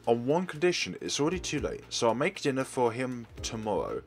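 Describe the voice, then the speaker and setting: He reads a visual novel aloud as a let's player, expressive and formal, with minor stumbles in the dramatic delivery. His medium-pitched voice swings widely in pitch, runs a little fast, and has soft music in the background.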